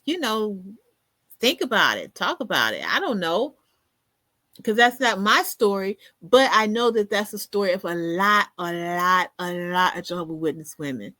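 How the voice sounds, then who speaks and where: A woman hosting a podcast in casual solo commentary, animated, often laughing and repeating words for emphasis. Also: mid-range voice, dry recording. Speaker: podcast host.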